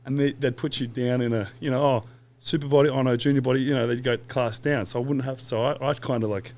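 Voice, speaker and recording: A man's voice: medium pitch, steady tone, fast talker, a little mellow. A man, a podcast guest telling long stories in a casual, rambling way with quoted asides and swearing. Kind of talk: casual interview chat.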